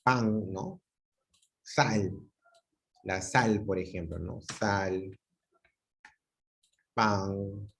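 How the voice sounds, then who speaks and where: A man's voice: fairly low pitch, drawn-out words, pauses often. A man from Peru teaching a class over a video call, patiently repeating examples and checking that students follow. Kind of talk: online class lecture.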